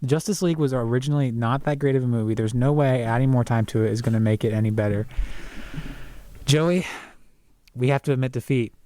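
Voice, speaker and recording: A man's voice: medium pitch, brisk, dark tone. A young man co-hosting a college radio show, laid-back and teasing in a matter-of-fact way, speaking into a studio mic. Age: young adult. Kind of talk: casual chat.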